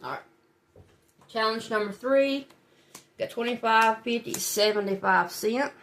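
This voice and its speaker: Here a woman with a fairly high, slightly bright voice speaks at a measured pace over a little hiss or hum. She runs a budgeting channel and, stuffed up with a cold, keeps up casual chatter with viewers, small laughs included, while filling her savings challenges.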